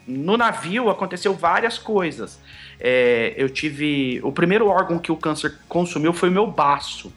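Animated young man, bright voice. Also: fairly high pitch, normal speed, faint music behind. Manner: animated, acts out quoted dialogue. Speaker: podcast guest. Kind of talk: casual storytelling interview.

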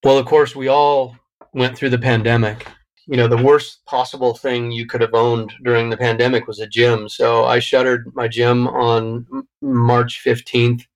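A man's voice: medium pitch, flat delivery, moderate pace, low-quality recording. A middle-aged man, a guest in an interview, telling a personal story in a reflective, emotional way with frequent restarts. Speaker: podcast guest. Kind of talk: interview conversation.

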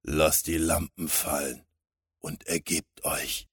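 Man doing a calm, deep masked superhero. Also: slightly rough, dry recording, clean studio sound, heavily acted. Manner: calm, measured heroics. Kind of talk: storybook reading.

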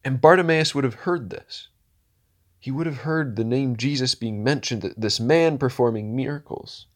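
This man, speaking at a medium pitch, gives a sermon that rises and falls between whispered, slow lines and loud, rousing ones, punctuated by rhetorical questions aimed at the crowd.

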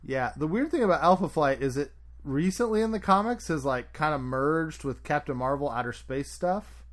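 A man's voice: fairly high pitch, animated, moderate pace. Opinionated man, upbeat podcast host. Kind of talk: casual chat.

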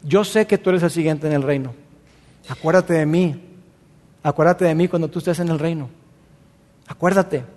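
A man voicing a loyal young prince who speaks softly and pleadingly, heard with long hall reverb. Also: fairly high pitch, moderate pace, hardly any pauses, voice pushed down, lightly acted.

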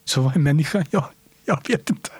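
A man being interviewed, talking earnestly and reflectively, often sinking to a soft whisper to stress a point. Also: a little high, expressive, slightly rough, no echo. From Sweden. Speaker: interview guest.

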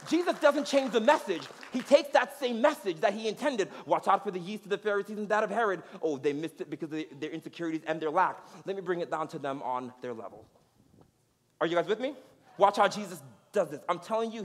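A man preaching a sermon as pastor, energetic and conversational, laughing and checking in with his audience. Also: sits high, brisk, long reverb tail.

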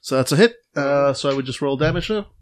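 A man's voice: medium pitch, lively intonation, fast, slight background noise. A man playing a tabletop game, chatty and working out his rolls aloud. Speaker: player.

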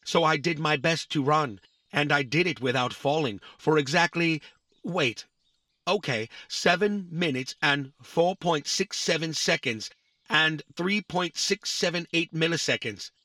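A man's voice: fairly high pitch, a little slow, pushed and bright, no room sound. A man voicing a literal-minded young boy robot in a family audio drama, stating times down to the millisecond. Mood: earnest. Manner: pedantic, counts exact milliseconds.

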